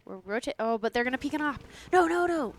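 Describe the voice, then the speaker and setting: A young woman doing casual live esports commentary, excitable and teasing, often breaking into giggles. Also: high-pitched, fast talker. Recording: faint background noise.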